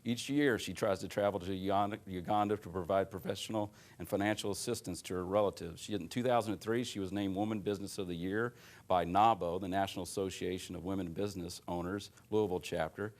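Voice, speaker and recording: Deep-voiced TV interview host. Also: male voice, fairly even intonation, fast. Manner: polished, encouraging, many short acknowledgments. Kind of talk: read introduction, then interview questions.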